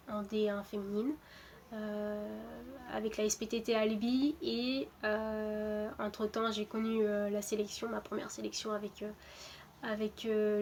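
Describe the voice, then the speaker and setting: A woman in her twenties, from Portugal, a footballer introducing herself in a casual, hesitant way with many pauses and restarts. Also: mid-range voice, darkish tone, a little hiss or hum. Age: 20s. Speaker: footballer interviewed. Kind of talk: casual self-introduction to camera.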